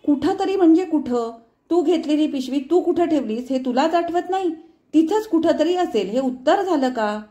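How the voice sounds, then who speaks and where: A woman's voice: sits high, expressive, measured pace, hardly any pauses, a little mellow, voice pushed up. A woman voicing a harried, angry middle-aged mother who scolds sharply and sarcastically in a told story. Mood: furious scolding.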